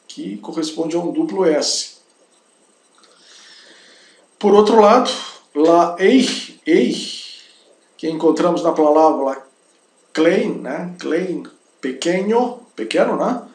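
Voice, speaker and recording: A man's voice: fairly high pitch, lively intonation, slow pace, long pauses, darkish tone. A man teaching a language lesson, saying each word several times and checking in with little tag questions. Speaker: German teacher. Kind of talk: slow spoken language lesson. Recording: roomy echo.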